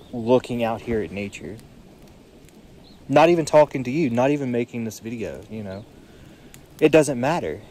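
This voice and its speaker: A tired young man musing aloud in a solo vlog, seated outdoors by a creek, filling his pauses with "you know". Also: medium pitch, dark tone, slight background noise. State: tired, yawning. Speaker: podcast vlogger. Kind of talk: reflective solo monologue. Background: faint creek water and birdsong.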